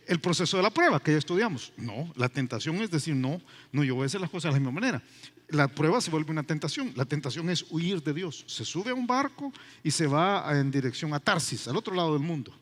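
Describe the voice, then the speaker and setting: Animated pastor preaching emphatically. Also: male voice, a little high, brisk. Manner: animated, emphatic preaching with repetitions and rhetorical questions. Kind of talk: sermon. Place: church.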